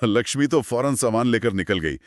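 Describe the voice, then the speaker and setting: A man hosts a conversational horror storytelling show, narrating in short, dramatic, suspenseful phrases. His mid-range voice has lively intonation and a fairly quick pace. The recording is clean studio sound with no room sound.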